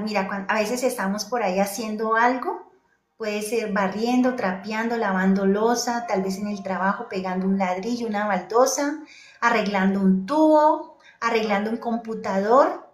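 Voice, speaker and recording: A woman's voice: medium pitch, unhurried. A woman preacher, delivering a sermon emphatically, repeating key phrases and answering her own rhetorical questions. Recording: echoey room with faint music.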